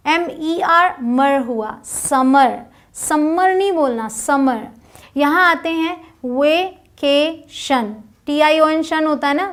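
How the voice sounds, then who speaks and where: Woman, pronunciation teacher, phonics lesson, high-pitched, unhurried, spells letters then says words.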